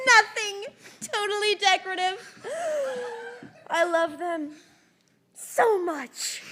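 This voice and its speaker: Brash, playful roommate played by a woman: high, forceful bright voice, unhurried banter, stage-reading comedy-drama. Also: heavily acted. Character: brash, cheeky roommate celebrating recovery from top surgery. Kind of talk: live play reading, casual banter.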